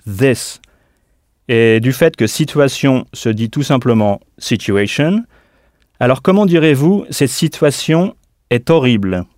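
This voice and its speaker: A man teaching a scripted audio language lesson, speaking clearly and deliberately and spelling out words letter by letter. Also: medium pitch, darkish tone, dry recording, clean studio sound.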